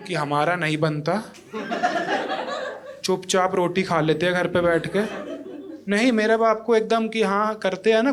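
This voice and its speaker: A man in his thirties performing a stand-up comedy set in a comedy club, teasing the audience and judges and acting out quotes. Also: on the high side. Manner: acts out quotes in other voices.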